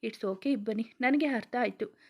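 A woman voicing a gentle, heartbroken young man in love, reading his lines softly and tearfully in a storybook reading. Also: a little high, moderate pace, breathy edge. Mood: sad. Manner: soft, pleading, tearful lines.

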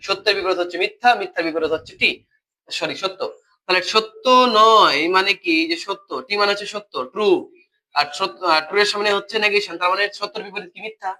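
A logic tutor with a cold and a Bangladeshi Bengali accent runs a live online class, quizzing his students and repeating points with patience. He talks fast in a high, bright, pushed voice with fairly even intonation, on a low-quality recording.

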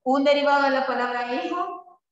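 A man's voice: very high-pitched, normal speed, a bit bright. A man teaching a spelling lesson to a class, patient and checking in with frequent tag questions. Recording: echoey classroom, far from the mic, dull.

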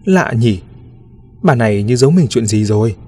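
A man's voice: mid-range voice, expressive, normal speed, warm tone, breathy edge, soft background music. A man voicing a nosy, blunt village woman. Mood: prying. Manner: prying, familiar.

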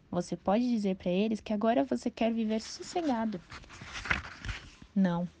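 A woman voicing a cheerful, friendly young male rooster in a storybook reading, her voice raised high and eager. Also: dark tone. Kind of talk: audiobook character voice. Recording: dull, dry lo-fi recording.

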